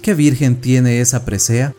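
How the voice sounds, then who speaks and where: An impassioned young man torn between love and faith, as a reader acts him out. His voice is dark and mellow at a middling pitch, and his lines come out in anguished outbursts in this storybook reading. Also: steady tone, a little slow, faint music behind, natural voice. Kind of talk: audiobook reading of a classic tale.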